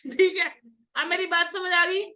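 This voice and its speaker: A woman's voice: extremely high pitch, fairly even intonation, unhurried, pushed and bright. A woman teaching an accounts class, lecturing and drilling students with questions in a scolding, teasing way.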